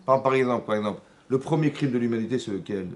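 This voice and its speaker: Un homme qui donne un cours religieux dans une synagogue, avec un accent français. Il pose des questions au public et joue les dialogues avec animation. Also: male voice, mid-range voice, quick pace. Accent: French. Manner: animated, acts out dialogues, asks the audience questions. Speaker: rabbi teaching a class. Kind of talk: lively religious lesson. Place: synagogue class room.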